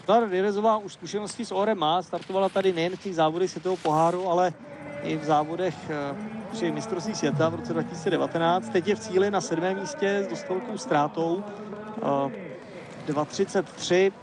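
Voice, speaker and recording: A man giving live, measured ski race commentary, analytical and hesitating now and then. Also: high voice, fairly even intonation, a crowd in the background.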